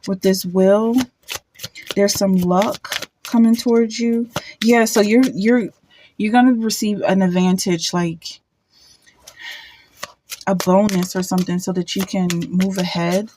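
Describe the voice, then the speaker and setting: A woman giving a casual pick-a-card tarot reading, thinking aloud with halting restarts and repeated words. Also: mid-range voice, steady tone, mellow, a little hiss or hum.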